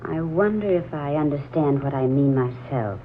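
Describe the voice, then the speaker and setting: In a muffled, noisy old radio drama recording, an actress with a low, expressive voice speaks at a moderate pace. She plays a wistful, troubled 23-year-old woman drawn to a stranger, sounding hesitant, dreamy and puzzled in 1940s radio style.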